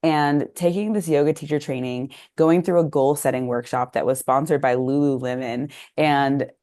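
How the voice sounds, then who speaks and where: A business coach from Texas, appearing as a podcast guest, tells her life story in a very deep, steady voice at a moderate pace with a darkish tone. The casual interview storytelling is chatty and reflective, and she says "like" often.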